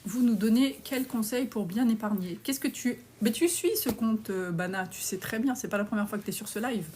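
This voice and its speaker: A woman's voice: on the high side, moderate pace, darkish tone, slight background noise. A woman, coaching on personal finance as she answers viewer comments on a live stream in a blunt, outspoken, casual way. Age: 40s.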